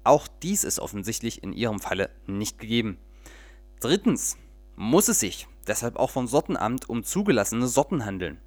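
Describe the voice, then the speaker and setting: A man's voice: medium pitch, sing-song, normal speed, darkish tone, no room sound. A stiff, pedantic clerk from a trade office talks in formal officialese in a storybook tale, as a man reads him aloud. The recording is dry and close. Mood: officious.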